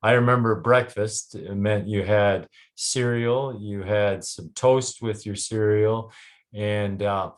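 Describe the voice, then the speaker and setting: A middle-aged man with a Canadian accent and a somewhat low voice talks casually to a group about health. He stops often, filling gaps with ums and starting his sentences over. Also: fairly even intonation. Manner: halting, frequent ums and restarts. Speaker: health clinic doctor.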